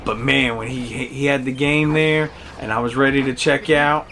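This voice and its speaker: A middle-aged video game reviewer and host speaks at a normal speed in a steady, mid-range voice that's a bit bright. His casual, personal review unfolds as nostalgic, enthusiastic storytelling over background music.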